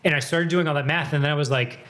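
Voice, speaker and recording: A man's voice: on the high side, steady tone, fast talker, fairly bright tone. A man in his thirties chatting casually, rambling and correcting himself mid-sentence, with frequent swearing. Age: 30s. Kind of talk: casual chat.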